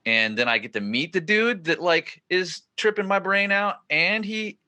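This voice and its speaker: A podcast host in his forties from northern California who tells a long story in a casual, rambling way. He grows excited and loud at the punchlines. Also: sits high, normal speed.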